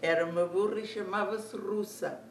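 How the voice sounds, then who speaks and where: An older speaker with a European Portuguese accent, slowly recalling family memories with many restarts. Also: mid-range voice, fairly even intonation, slight background noise. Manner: slow, halting recollection with many restarts. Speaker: senior storyteller. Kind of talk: life story told aloud. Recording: echoey room, speaker far from mic.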